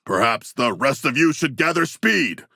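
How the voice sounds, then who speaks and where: A man voicing a huge, proud humanoid shark warrior in a video game, speaking in formal, grandiose phrases with a gravelly, husky voice. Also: medium pitch, lively intonation, normal speed, pushed and bright, no echo, clean studio sound, exaggerated voice. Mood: earnest, matter-of-fact. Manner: formal, grandiose, stilted diction. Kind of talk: video game character voice lines.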